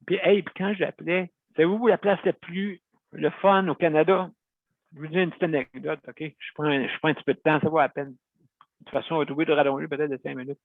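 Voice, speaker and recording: A man hosting a show, chatting in a rambling, self-correcting way. His voice sits a little high and carries a gravelly fry. The sound is dry and tinny, like a phone line. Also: fairly even intonation, fairly quick, no room sound. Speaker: host. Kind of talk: casual talk to listeners.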